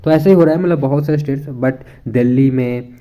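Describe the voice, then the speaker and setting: A young man from India talks viewers through a website in an easygoing, conversational way. His voice is very dark and mellow. He thinks aloud as he goes, mixing Hindi and English and pausing on fillers. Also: mid-range voice. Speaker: education YouTuber. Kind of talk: casual screen walkthrough.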